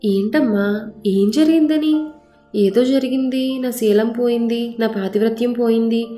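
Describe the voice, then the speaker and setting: A woman's voice: fairly high pitch, measured pace, reverberant, soft background music, lightly acted. A woman storyteller voicing a defiant, angry young woman who answers back sharply. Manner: sharp, indignant retorts.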